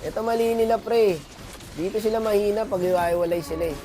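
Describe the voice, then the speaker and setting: Male gamer, high-pitched, hoarse from a cold, chatty slangy game commentary over faint music. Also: fast, warm tone. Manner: chatty, slangy, addresses viewers often. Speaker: gaming commentator. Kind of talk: casual gameplay commentary.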